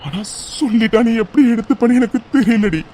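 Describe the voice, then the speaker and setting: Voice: mid-range voice, expressive, a little fast, mellow, close to an everyday voice. Someone voicing a guilt-ridden lovesick young man. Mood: anguished. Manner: pleading, earnest and emotional. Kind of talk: cartoon voice dub.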